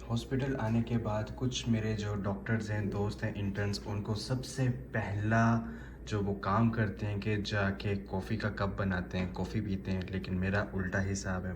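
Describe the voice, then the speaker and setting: Chatty doctor vlogging on a noisy phone. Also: male voice, on the low side, level tone, normal speed. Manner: chatty, addresses viewers as brother. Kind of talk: casual vlog monologue. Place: car and hospital office.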